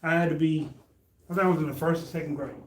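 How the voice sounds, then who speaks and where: A man co-hosting a podcast, telling stories in a lively, slangy casual chat. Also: on the high side, quick pace, roomy sound, slight background noise. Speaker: podcast co-host.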